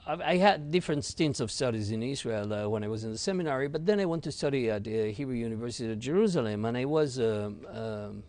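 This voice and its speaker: A man from Argentina whose first language is French, a rabbi recounting his experiences at an unhurried pace as an interview guest. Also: mid-range voice, animated, a little mellow. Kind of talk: reflective storytelling.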